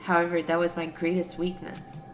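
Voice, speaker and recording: A woman voicing a stoic, honorable female martial artist from a video game, grave, measured and formal. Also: lowish voice, monotone, faint music behind, voice pushed down, natural voice. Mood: solemn, regretful. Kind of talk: video game character read-aloud.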